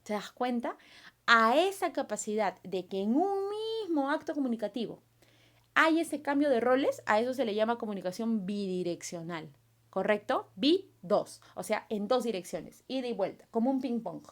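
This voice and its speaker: A woman teacher leads a recorded class, her voice sitting a little high. She keeps asking her students questions and acts out their replies in an animated way. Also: normal speed. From Peru. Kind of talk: recorded remote class lesson.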